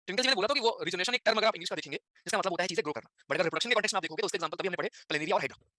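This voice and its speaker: A young man delivers an online lecture at a rapid clip. His high, bright voice stays chatty, and he keeps asking his students questions as he goes. The sound is dry and close, with almost no room around it. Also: no echo. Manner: chatty, addresses students directly with frequent tag questions. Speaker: teacher.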